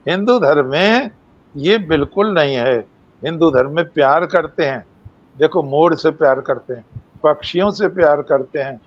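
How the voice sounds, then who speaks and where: A man's voice: a little high, moderate pace, lo-fi sound. An older man giving a devotional lecture, telling stories and acting out the voices of sages and animals. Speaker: main speaker.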